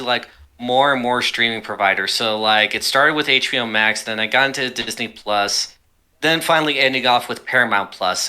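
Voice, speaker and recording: A young man talks through his thoughts in a loose, meandering way, circling back and restarting often. His voice is very bright and forward. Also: medium pitch, clear, resonant tone. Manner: rambling, many fillers and restarts. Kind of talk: casual chat.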